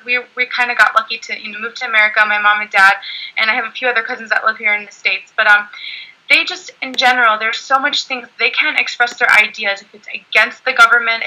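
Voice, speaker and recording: A woman with a somewhat high, very bright and tense voice speaks earnestly in a panel discussion. She talks with many "you know" fillers and restarts her sentences. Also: low-quality recording.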